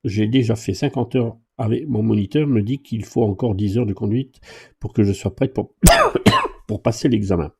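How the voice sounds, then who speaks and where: A man's voice: on the low side, huge pitch swings, moderate pace, gravelly, a little mellow, breathy edge. A man who teaches driving, answering viewer questions live in a chatty, joking way and reading comments aloud. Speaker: driving instructor and YouTuber.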